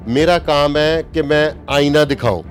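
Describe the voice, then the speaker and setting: A man's voice: a little high, soft background music. Opinionated Pakistani man in his fifties. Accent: Pakistani Urdu. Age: 50s. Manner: emphatic, opinionated, slows down to stress points. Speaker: journalist guest. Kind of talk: interview talk.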